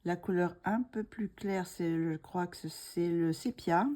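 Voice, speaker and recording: Soft-spoken woman with a mellow low voice. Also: slight background noise. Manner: slow, soft-spoken, thinking aloud, drops to whispers. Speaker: coloring tutorial host. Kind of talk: narrated coloring tutorial.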